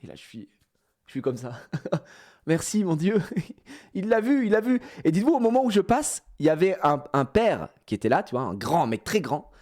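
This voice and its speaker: A man streaming a casual storytime, retelling events in an animated way with slang and frequent laughter. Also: on the high side, normal speed.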